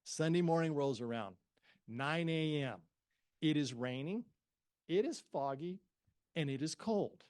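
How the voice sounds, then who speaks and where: A man's voice: fairly high pitch, measured pace, long pauses, no room sound, clean studio sound. A middle-aged man presenting to real estate agents at a forum, telling an anecdote and acting out the dialogue of the people in it. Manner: animated storyteller, acts out the dialogue of the people in his anecdote. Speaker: real estate investment expert giving a presentation. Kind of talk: anecdotal storytelling at a professional forum.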